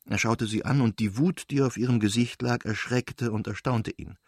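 A man reading a classic novel aloud in calm, measured audiobook narration. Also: medium pitch, husky, no room sound, clean studio sound. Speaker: audiobook reader.

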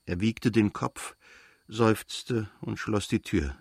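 Brief: male audiobook narrator, measured and quiet, recorded dry and close. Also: lowish voice, vocal fry, husky, no echo.

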